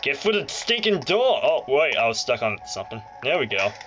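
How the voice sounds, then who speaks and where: In this noisy clip, a man mutters quick, casual reactions while doing off-the-cuff Let's Play commentary. His medium-pitched voice swings widely in pitch at a moderate pace. Loud game music and audio from a handheld console sit on top of his voice.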